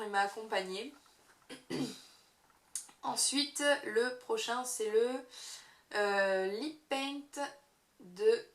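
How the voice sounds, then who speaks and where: A young woman chatting casually about her favorite makeup, hesitating often with fillers. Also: mid-range voice. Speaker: beauty vlogger. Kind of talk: casual monthly favorites review. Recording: echoey room.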